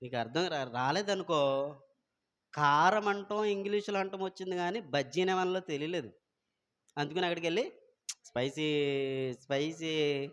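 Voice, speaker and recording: A man preaching a Sunday sermon as pastor, quizzing the congregation and swinging between loud exclamations and soft asides. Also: sits high, fairly quick, pauses often.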